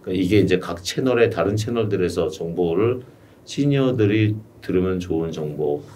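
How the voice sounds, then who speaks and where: With a low, dark-toned voice, a middle-aged man coaches a client privately in a small studio room, animated but keeping a moderate pace as he patiently explains. He's a YouTube coach offering consulting advice. A desk mic on a stand captures him from a distance, leaving faint room noise.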